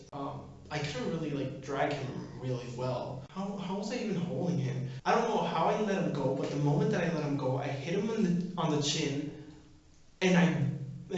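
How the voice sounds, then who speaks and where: In a very echoey bathroom, a young man with a slightly high voice shares casual stories. He rambles in a self-deprecating, comedic way, as a vlogger would, and sounds set back from the microphone. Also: a little mellow. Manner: self-deprecating, chuckles through rambling anecdotes. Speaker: vlogger telling personal stories. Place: bathroom, indoors. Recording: echoing bathroom, distant mic, slightly dull.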